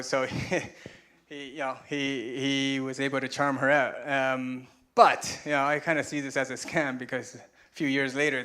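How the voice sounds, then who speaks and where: A man from Taiwan, in his forties, gives a conference talk on stage in a conference room, medium in pitch and a bit bright. He keeps it chatty and self-deprecating with slides, laughing at his own jokes along the way.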